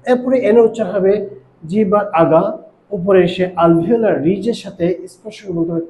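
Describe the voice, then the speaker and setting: A male teacher with a Bangladeshi accent explains pronunciation slowly, step by step, pausing often with "ah" fillers. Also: high voice, dark tone, reverberant, slight background noise, rough recording. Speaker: English teacher. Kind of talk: pronunciation lesson.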